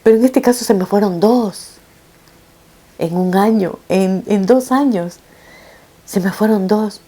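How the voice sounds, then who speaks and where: A middle-aged woman, a mother, telling her viewers a painful personal story in an emotional, halting way, with frequent restarts. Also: medium pitch, mellow. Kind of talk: personal testimony told to viewers.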